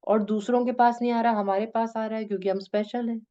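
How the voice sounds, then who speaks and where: Woman spiritual teacher, warm and gentle, talks patiently to students; muffled lo-fi sound. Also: on the high side, fairly even intonation, fast talker. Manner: gentle, coaxing, addresses listeners as "beta"; mixes English phrases into talk. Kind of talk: devotional discourse to students.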